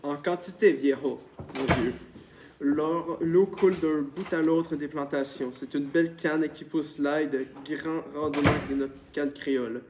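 A man's voice: on the high side, fairly even intonation, measured pace, far from the mic, natural voice. A man reading the part of Manuel, an earnest peasant back from Cuba, on a noisy recording with clicks.

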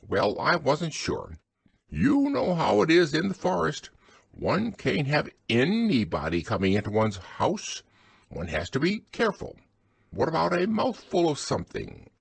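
A man voicing a fussy, cautious rabbit in a prim, high-pitched manner. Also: wildly swooping pitch, measured pace, vocal fry, breathy edge, dry recording, exaggerated voice.

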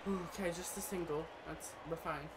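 Young man, casual gameplay commentary, swears a lot, shouts out of nowhere, higher voice, background noise. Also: fairly even intonation, moderate pace. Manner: profane, rambling, bursts into loud yelling. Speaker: gaming streamer. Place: small room indoors.

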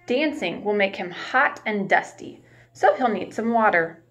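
Here a young woman with a medium-pitched, expressive voice reads a picture book to small children. Like a warm preschool teacher, she asks them questions and pauses along the way, recorded on a webcam at arm's length in a small room at home.

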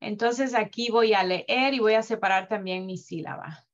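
A woman teaching Hebrew reading in a live class, slowly drawing out sounds to demonstrate them with patience. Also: medium pitch. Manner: patient, drawn-out demonstrative pronunciation. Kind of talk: slow online reading lesson. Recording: dull lo-fi audio.

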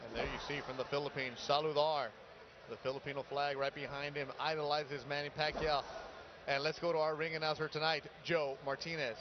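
Highish male boxing commentator, noisy arena. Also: little pitch movement, brisk. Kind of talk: live sports broadcast commentary. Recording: dull broadcast audio, arena noise behind.

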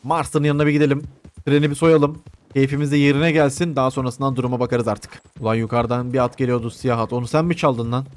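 A man's voice: mid-range voice, steady tone, quick pace. A man giving casual gameplay commentary, chatty and joking, swearing playfully and talking back to game characters. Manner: soothing coos to a horse. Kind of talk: casual Let's Play commentary.

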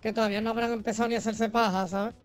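A woman's voice: fairly high pitch, level tone, rapid-fire. A woman with a Spain accent chatting casually as she streams a video game, slangy, joking and foul-mouthed. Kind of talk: casual gaming livestream chat. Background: video game music.

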